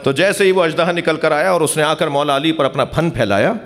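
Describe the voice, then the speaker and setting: Male preacher, slightly high voice, narrative sermon style, leads the gathering in blessings. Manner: storytelling preaching, calls the crowd to recite blessings. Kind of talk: Shia majlis sermon. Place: imambargah hall.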